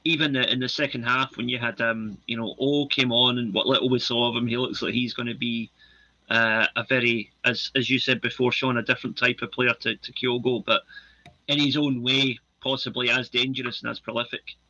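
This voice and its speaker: A man with a bright, tense voice speaks hesitantly, with many fillers, as a panelist in a casual football chat. His delivery is flat. He comes through a dull, lo-fi line. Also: medium pitch, brisk, dry recording.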